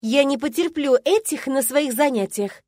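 A woman voicing a shrill, spiteful old lady professor. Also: moderate pace, a little mellow, no echo, studio quality, natural voice. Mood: outraged.

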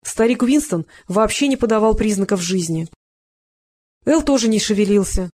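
Narrator: mid-pitched, measured, scripted audiobook reading. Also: expressive, a little mellow.

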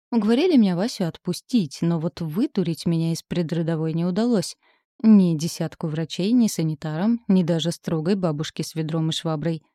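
A woman narrating a first-person comic audiobook with lively storytelling. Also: lowish voice, no echo, clean studio sound.

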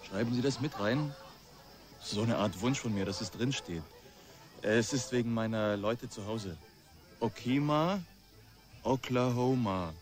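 An actor playing a quiet, plain-spoken young firefighter from Oklahoma in a radio drama. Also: male voice, medium pitch, unhurried, long pauses, natural voice. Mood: earnest. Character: shy young male firefighter from rural Oklahoma.

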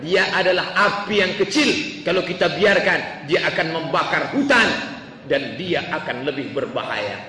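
A man preaching a sermon, telling stories and acting out the people in them in an animated way. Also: a little high, normal speed. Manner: animated, acts out voices of people in his stories. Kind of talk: sermon with storytelling. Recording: echoey hall, voice from far off, faint noise.

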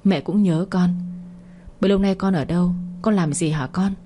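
A frail, gentle mother voiced by a woman narrator, low and warm-toned. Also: moderate pace, a little hiss or hum, natural voice. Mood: tearful. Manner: tearful, pleading.

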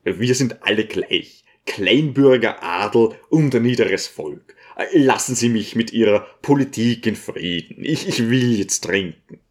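A man's voice: mid-range voice, lively intonation, a little slow, few pauses, lightly acted. Man doing a brusque scheming troublemaker. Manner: brusque, insistent. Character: pushy scheming male guest, brusque.

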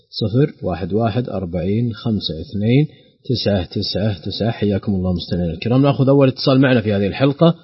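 Rapid-fire radio host guy, dull muffled sound. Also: mid-range voice, slightly rough, dry recording. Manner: brisk announcing of call-in details. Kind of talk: call-in radio hosting.

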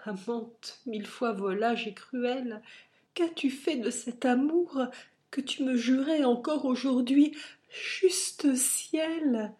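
A woman reading aloud, voicing a heartbroken young nobleman who pleads and reproaches in a slow, impassioned, declamatory way. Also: high-pitched, darkish tone, pitched above the performer's own voice. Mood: bitter reproach.

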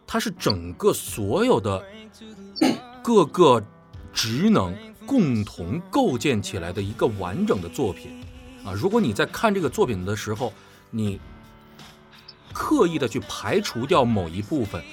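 A man of medium pitch talks a little slowly on a casual panel, his pitch swinging widely as the voice actor and drama director earnestly emphasizes his views over background music.

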